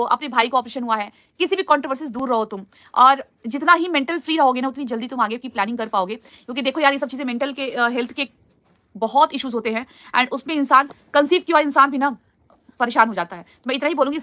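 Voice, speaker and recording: A woman's voice: high voice, bright, forceful tone, no echo. A woman hosting a casual live stream, answering viewer comments in an earnest, pleading way. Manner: earnest, pleading, repeats "please" often.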